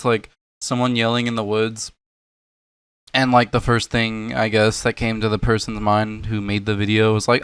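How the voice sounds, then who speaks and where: A young man delivers scoffing, profane commentary on online clips. His voice is smooth and clear, recorded close and dry with no room sound. He mocks and laughs at what he sees. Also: on the low side, fairly bright tone, no room sound. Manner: mocking, swears a lot, laughs at clips. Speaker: commentary creator reacting to videos. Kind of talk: sarcastic reaction commentary.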